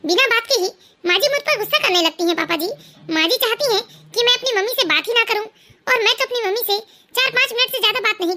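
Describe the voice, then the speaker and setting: A woman voicing a clever young daughter-in-law who explains herself in a calm, polite, pointed way. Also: very high voice, slight background noise.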